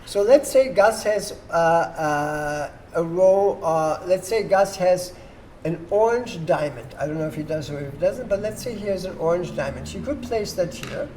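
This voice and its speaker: A mid-range, animated voice with a darkish tone and moderate pace explains board game rules to players at a table. The host is patient and instructive, checking understanding, while a noisy room's ambience fills the background.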